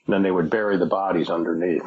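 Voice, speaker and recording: Husky, tentative male podcast guest. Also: deep voice, fairly even intonation, fast talker. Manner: tentative, speculative, many hesitations. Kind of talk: casual podcast interview. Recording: dull lo-fi remote audio.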